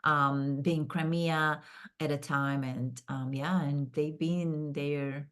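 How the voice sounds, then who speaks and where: Lower-voiced woman. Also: steady tone, takes it slowly, fairly bright tone. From Kazakhstan. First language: Russian. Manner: thoughtful, with many fillers and restarts. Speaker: guest, business founder. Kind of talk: podcast interview.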